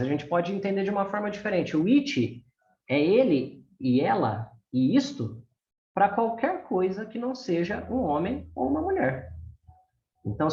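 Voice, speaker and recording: A man explains grammar at an unhurried pace, and his pitch rises and falls with a lot of life. He is teaching beginners from home and often stops to check that they follow. The sound is roomy and a little dull. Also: darkish tone. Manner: patient, keeps checking in with the class. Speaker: English teacher. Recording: roomy, slightly dull recording.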